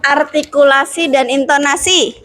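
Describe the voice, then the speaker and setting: A woman's voice: high-pitched, measured pace, slight background noise. A woman teacher in a classroom, explaining steps to her students and teasing them with questions. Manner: lively, asks the class questions and teases. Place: school classroom.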